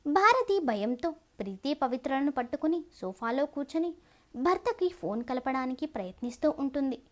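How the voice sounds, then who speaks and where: A woman narrating a scripted audio story in an expressive, dramatic way. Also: high-pitched, moderate pace.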